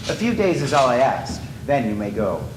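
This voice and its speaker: A man playing a disfigured masked man, obsessive and possessive, in a stage play, swinging from soft pleading to shouting rage. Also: mid-range voice, sing-song, moderate pace, natural voice. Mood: tender, intense. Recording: echoey stage from a distance, faint noise.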